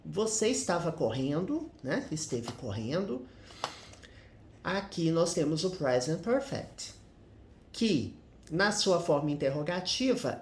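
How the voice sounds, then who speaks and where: A man's voice: a little high, darkish tone. A man explaining English grammar step by step, checking in with listeners through frequent tag questions. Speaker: English teacher. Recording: roomy echo.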